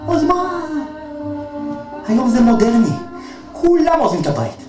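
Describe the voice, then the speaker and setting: A man's voice: extremely high pitch, wildly swooping pitch, full character voice. An actor on stage playing a doting, theatrical mother who coaxes her son. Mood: coaxing. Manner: fond, theatrical, pleading. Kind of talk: one-man stage comedy. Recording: echoey theater from a distance, with music.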